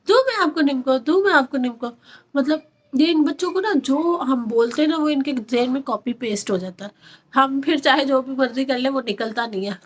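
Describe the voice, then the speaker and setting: A woman talks casually and earnestly to other parents. Her voice sits a little high. She repeats phrases and leans on fillers as she explains. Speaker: parent vlogger. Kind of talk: casual advice talk to parents.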